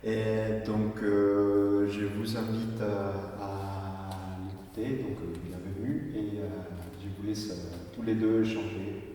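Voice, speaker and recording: A man hosts with a halting, unscripted welcome. He speaks slowly in a fairly low voice, recorded from afar in a very echoey church. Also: level tone, warm tone. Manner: hesitant, halting. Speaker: host introducing a talk. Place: inside a church. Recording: very echoey church, distant mic, faint noise.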